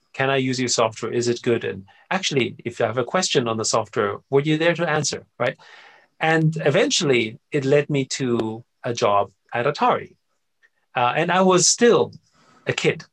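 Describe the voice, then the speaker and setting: Gravelly-voiced man, animated interview guest. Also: medium pitch, moderate pace. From Austria. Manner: animated storyteller, frequent "right?" and "you know" tags. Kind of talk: casual conversational interview.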